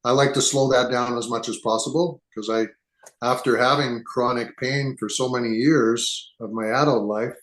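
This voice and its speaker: Recorded in a room with echo, this man in his seventies, originally from England, speaks as a podcast guest in a relaxed interview. His mid-range, fairly bright voice keeps a fairly even intonation at normal speed while he muses and rambles, frequently starting sentences over.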